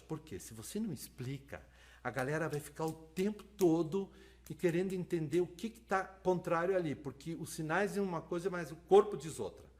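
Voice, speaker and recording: A man giving a lively live online lecture on interpreting, talking fast and checking in with his listeners. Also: mid-range voice. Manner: lively, talks fast, asks "né?" and "tá?". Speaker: lecturer on sign language interpreting.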